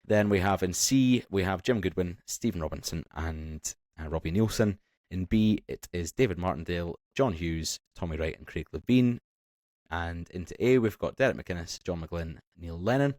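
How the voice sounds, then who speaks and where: Male podcast host, bantering, deep voice, dry mic. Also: moderate pace, darkish tone, no room sound. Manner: bantering, leads the segments. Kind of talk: casual podcast chat.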